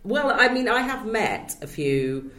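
A woman's voice: mid-range voice, very animated, a little slow, sharp tone. A woman in her forties hosting a podcast interview, chatty and self-deprecating, laughing easily. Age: 40s. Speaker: podcast host. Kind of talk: casual interview chat. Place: comedy venue. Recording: echoey room.

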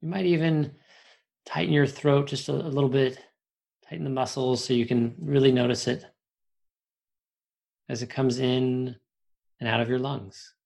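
A man leads a guided relaxation, speaking slow, soothing instructions with long pauses between them. His voice has a gravelly, fry-laced texture at a middle pitch. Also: fairly even intonation, darkish tone. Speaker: meditation guide.

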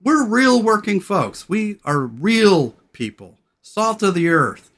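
A man hosting a podcast, brash and irreverent, loud radio-style delivery that drops to low, slow, soft talk when sincere. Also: sing-song. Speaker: podcast host. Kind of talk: casual podcast chat.

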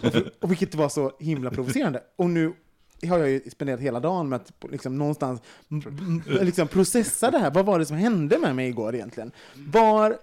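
A young man hosting a casual podcast chat, talking in an animated way with many fillers and some swearing when worked up. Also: a little high. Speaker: podcast host.

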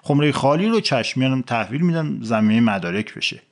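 A man's voice: medium pitch, expressive, close to an everyday voice. A man voicing a tipsy, self-righteous male aide who rambles about piety in a comic story. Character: tipsy, pious-posing male officer's aide.

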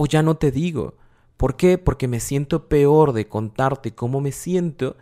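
A man with a Mexican Spanish accent giving an explanatory talk about emotions, expressive and acting out everyday dialogues. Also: mid-range voice. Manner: expressive, acts out everyday dialogues, laughs often. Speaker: emotional wellbeing speaker.

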